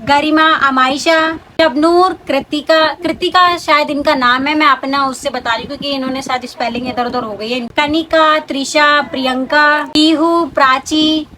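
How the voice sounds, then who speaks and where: High-voiced chatty young woman. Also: steady tone, moderate pace, hardly any pauses, sharp tone, slight background noise, low-quality recording. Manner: chatty and talkative. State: pregnant. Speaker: vlogger answering viewer questions. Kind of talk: casual chat.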